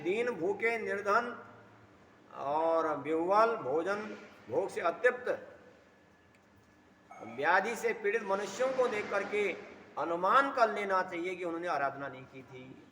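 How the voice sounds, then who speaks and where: A man telling a devotional scripture story, reciting Sanskrit verses and explaining them in Hindi, often clearing his throat. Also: sits high, sharp tone, slight background noise. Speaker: religious storyteller. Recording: echoey hall from far off.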